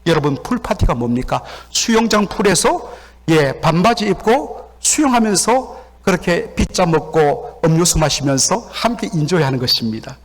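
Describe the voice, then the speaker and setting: A man's voice: on the high side, normal speed. A Korean man preaching a sermon as pastor in a church sanctuary, telling stories and acting out the voices of the people in them. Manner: animated storytelling, acts out quoted voices. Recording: long hall reverb.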